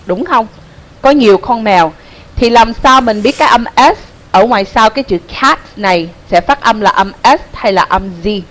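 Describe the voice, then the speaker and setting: A woman's voice: mid-range voice, rough recording. A young woman teaching pronunciation in an online class. She is patient, repeats her points and keeps checking that students understand.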